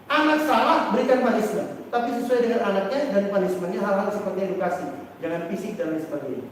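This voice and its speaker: A man lectures parents in a lively way, throwing questions at the room and playing out little scenes. His voice sits fairly high for a man. He is picked up from a distance in a large hall, with a long reverb tail ringing behind every phrase. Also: fast. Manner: animated, acts out parents and children, asks the audience questions. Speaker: Islamic teacher giving a parenting seminar. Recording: distant, very echoey hall with faint noise.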